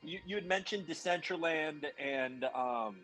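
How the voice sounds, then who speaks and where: A man moderates an online panel and puts questions to a guest. His voice sits a little higher than usual for a man. He speaks politely and haltingly, with many fillers and restarts. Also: expressive, a bit bright, faint music behind, poor audio.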